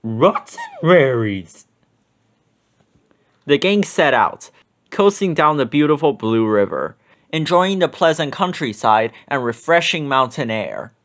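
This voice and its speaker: A man reads a children's story aloud, narrating expressively. His voice is a little high and moves at a normal speed.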